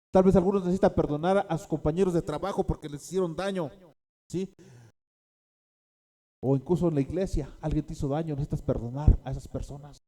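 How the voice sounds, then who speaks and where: A man's voice: on the high side, dark tone. A man preaching a sermon as a pastor, repeating key phrases and often checking in with his listeners.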